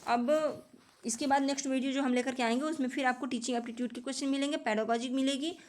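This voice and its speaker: A woman's voice: sits high, fairly even intonation, fast. A woman teaching an exam-prep lesson, patiently repeating each answer and often calling her viewers friends. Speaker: teacher preparing students for teaching exams.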